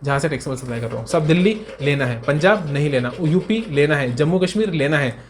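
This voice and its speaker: A man tutoring accountancy students in a brisk revision lecture. He repeats key points and answers his own questions in a student's voice. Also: fairly high pitch, animated, slight background noise. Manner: fond, coaxing tone toward students.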